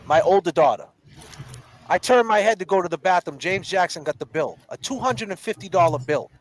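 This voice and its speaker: A middle-aged man hosts a livestream in a high, animated voice, talking briskly over a rough recording. He's heated and confrontational, repeating names and calling people out directly.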